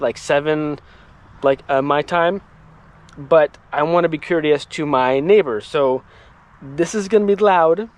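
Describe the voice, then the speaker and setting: A man hosting a firewood channel, chatting casually outdoors in a yard as he demonstrates a saw, with rambling asides. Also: a little high. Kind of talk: casual equipment demo vlog.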